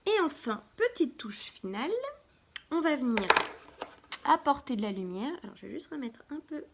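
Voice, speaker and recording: Woman host, fairly high voice, chatty live makeup tutorial, half-murmured asides while she works, self-mocking. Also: expressive, brisk, vocal fry, slight background noise. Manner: chatty, talks while applying makeup, drops to a soft murmur when concentrating. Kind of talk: casual makeup tutorial chat.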